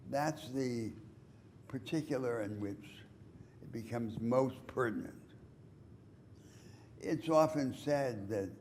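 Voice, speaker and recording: Measured male lecturer in a lecture hall. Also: mid-range voice, darkish tone, a little hiss or hum. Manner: measured, deliberate explaining with emphatic rises. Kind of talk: university lecture.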